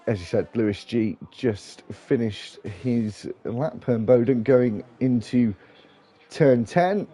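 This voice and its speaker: Relaxed, mellow male racing commentator. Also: medium pitch, husky. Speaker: host and lead commentator. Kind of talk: live esports racing commentary.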